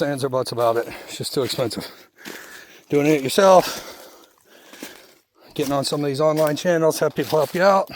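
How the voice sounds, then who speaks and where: A man's voice: fairly high pitch, slight background noise. A man, talking casually and bluntly as he walks his homestead, a little out of breath. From Kentucky. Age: 40s. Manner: rambling, folksy, blunt. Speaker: homesteading vlogger. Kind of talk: casual vlog monologue while walking. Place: outdoors on a homestead.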